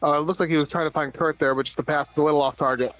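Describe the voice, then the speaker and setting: An American man calls an amateur floor hockey game play by play, rattling off passes and shots with the odd dry joke. His voice sits a little high for a man. Faint music plays underneath. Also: steady tone, lo-fi sound. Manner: rapid running call of plays with dry asides. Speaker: play-by-play commentator. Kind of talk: amateur live sports commentary.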